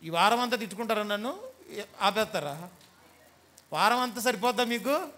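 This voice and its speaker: High, bright-voiced pastor preaching. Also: male voice, animated, moderate pace. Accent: Telugu. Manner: teasing, scolding preacher who mimics the people he talks about. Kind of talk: sermon.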